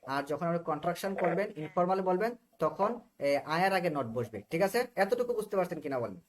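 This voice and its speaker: A man's voice: sits high, animated, fairly quick. A man with a Bangladeshi accent teaching a live online English class, who explains patiently, repeats himself and keeps asking whether students understand.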